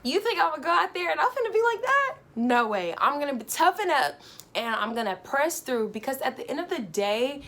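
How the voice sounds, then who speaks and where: A young woman vlogger telling a casual, animated travel story, full of fillers. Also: high voice, brisk.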